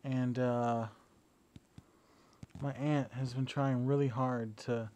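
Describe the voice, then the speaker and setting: A man's voice: mid-range voice, slow. A young man lying down and talking into a battery-powered camera for a casual video diary, hesitant and full of fillers and restarts. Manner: relaxed, lying down while talking. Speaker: video diarist. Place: indoors, at home lying down. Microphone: battery-powered camera device.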